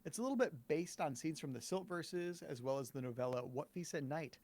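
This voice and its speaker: A man co-hosting a live stream, excitable and talking in quick bursts. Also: a little high. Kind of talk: casual live-stream chat.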